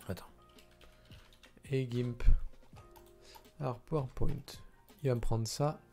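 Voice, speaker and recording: A man's voice: medium pitch, fairly even intonation, slow, warm tone, faint music behind. A tired man thinking aloud with hesitation as he edits a video at his computer. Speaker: video editor commenting his work. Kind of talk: casual screen-recording commentary.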